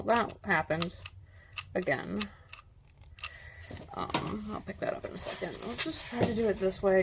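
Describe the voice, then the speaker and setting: A woman's voice: mid-range voice, gravelly, background noise. A woman talking casually while she makes a craft prop, rambling and correcting herself with lots of fillers. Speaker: prop maker. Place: home workspace, indoors.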